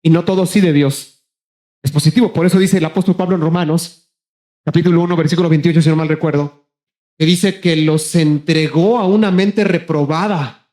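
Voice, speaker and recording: Man, pastor, sermon, high voice, passionate, speeds up and slows down for emphasis. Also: fairly even intonation, mellow. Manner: impassioned, repeatedly addressing the congregation as brothers; shifts between rapid bursts and slow, drawn-out emphasis.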